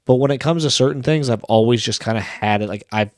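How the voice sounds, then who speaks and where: A man's voice: mid-range voice, quick pace, dry recording, clean studio sound. A man co-hosting a casual business podcast, talking in a rambling way with many restarts and fillers. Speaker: podcast co-host.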